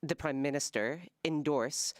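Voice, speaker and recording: An interpreter giving a live, measured rendering of a parliamentary debate in halting phrases. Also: mid-range voice, no room sound, clean studio sound.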